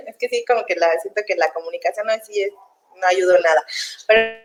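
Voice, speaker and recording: A woman's voice: mid-range voice, animated, moderate pace. A young woman, explaining child development in a chatty, casual way and laughing easily. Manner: warm, chatty, laughs easily, acts out parents' voices. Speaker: child development specialist guest. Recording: echoey room.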